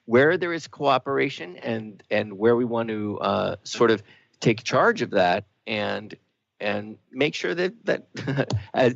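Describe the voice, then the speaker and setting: A gravelly, lowish male voice co-hosts this reflective radio talk show, explaining things sincerely. The recording is dry and dull, without any room sound.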